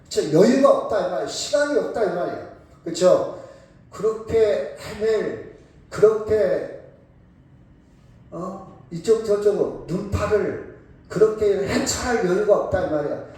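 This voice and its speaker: A man preaching a sermon as a pastor, emphatic, moving between calm explanation and sudden shouts, and asking the congregation questions. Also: sits high, a little slow. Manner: asks the congregation questions and calls on members by title. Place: church sanctuary. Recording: very echoey church from a distant mic.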